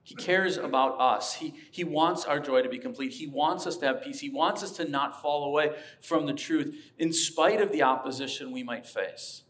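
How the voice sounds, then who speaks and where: A man's voice: a little high, normal speed, hardly any pauses, fairly bright tone. A man preaching a sermon as a pastor, earnest and emphatic, rising to passionate peaks. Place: church sanctuary.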